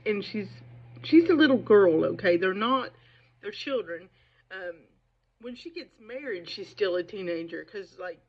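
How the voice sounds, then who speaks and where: On her video channel, a woman with a mid-range voice shares opinionated thoughts about books, the recording losing its highs. A slight speech impediment makes her slow on hard "sh" sounds, and she speaks conversationally, emphatically and with digressions, checking in with "right?" and "okay?".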